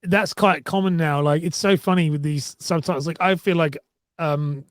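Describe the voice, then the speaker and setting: A man from southern England, a podcast guest, chatting casually and quickly with lots of fillers and restarts. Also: a little high, steady tone, no room sound. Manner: fast-talking, chatty, many fillers and restarts. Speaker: podcast guest, content marketer.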